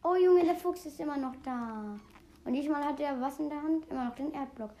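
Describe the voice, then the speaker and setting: A woman giving casual, excitable gaming commentary, rambling through fun facts with many restarts. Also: high voice, brisk. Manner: excitable, keeps exclaiming "Junge". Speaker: let's play host.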